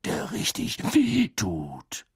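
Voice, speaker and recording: A man voicing a gruff, scarred old male wizard teacher, growling slowly in a gravelly voice. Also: on the low side, wildly swooping pitch, no echo, studio quality, exaggerated voice. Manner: growling, slow and menacing.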